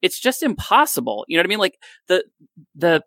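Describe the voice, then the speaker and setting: Gravelly bright-voiced man in his thirties. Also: high-pitched, big pitch swings, brisk, no echo. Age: 30s. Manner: rambling, self-deprecating, jokey. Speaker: podcast co-host. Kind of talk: casual fantasy baseball chat.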